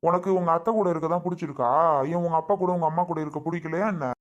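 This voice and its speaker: Man in a family skit, talks fast, calm and reasoning. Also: fairly high pitch, muffled recording. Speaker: skit actor.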